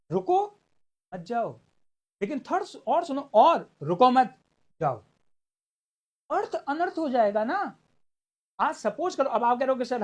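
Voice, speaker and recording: Male law tutor for online exam prep: animated delivery, a lively up-and-down pitch, acts out little exchanges, drags out key terms. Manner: stretches key words for emphasis. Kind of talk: online class lecture.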